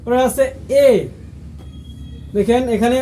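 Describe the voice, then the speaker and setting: A man from Bangladesh teaching a language lesson, slowly and patiently repeating each sound for his viewers. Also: very high voice, fairly even intonation, warm tone. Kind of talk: lesson explaining how to say letters.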